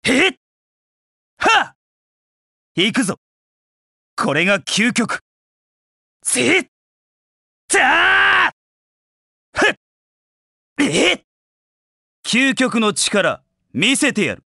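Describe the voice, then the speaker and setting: A proud young male hedgehog warrior from a video game, cold and disdainful. He speaks slowly and curtly in battle lines, as an arrogant rival knight would. The sound is close and dry. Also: very high voice, wildly swooping pitch, sharp tone, dry recording, full character voice. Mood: fierce, straining.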